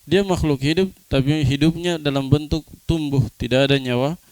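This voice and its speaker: A man's voice: a little high, fairly even intonation, moderate pace, darkish tone, smooth, dry recording. A man teaching Islamic studies in a classroom lecture, explaining terms and putting questions to his students that he then answers himself. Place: study room.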